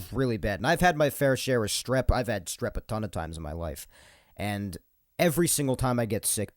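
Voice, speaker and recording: A young New York man hosts his solo podcast in a lowish, darkish voice, recorded dry with studio quality on a podcast mic. Congested from a cold, he sounds a little nasal, rambling casually, repeating himself, and laughing between points.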